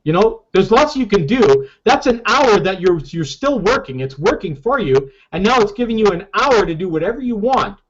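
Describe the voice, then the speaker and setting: A man's voice: high voice, very animated, normal speed, few pauses. A man leading a casual group call as a marketing team leader, emphatic and repeating "okay?" often, over dull lo-fi call audio.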